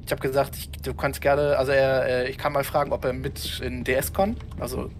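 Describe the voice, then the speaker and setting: A man's voice: medium pitch, level tone, fairly quick, a little hiss or hum. A man chatting casually while playing a co-op video game. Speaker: gamer playing co-op. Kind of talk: casual gaming chat. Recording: loud game music behind the voice. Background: video game music and vehicle sounds.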